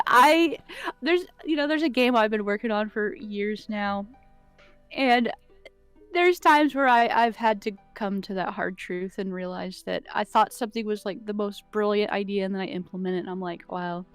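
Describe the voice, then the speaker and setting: A woman, a game developer, chatting casually on a stream, self-deprecating and quick to laugh. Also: mid-range voice, clear, resonant tone. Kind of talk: casual live-stream chat.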